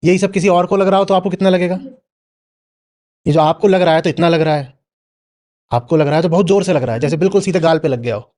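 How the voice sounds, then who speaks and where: A man's voice: on the high side, fast talker, pauses often, a little mellow. A man giving a spoken discourse to a live audience, often prodding the listener with questions. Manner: questioning, prods listener with "hmm?". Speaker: spiritual teacher answering an audience member.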